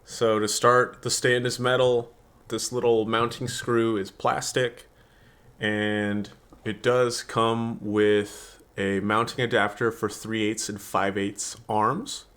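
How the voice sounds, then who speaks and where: A man's voice: on the low side, level tone, slow, a bit bright. A man giving a casual, candid review of a product, talking in a chatty way with blunt opinions, into a desktop USB condenser microphone.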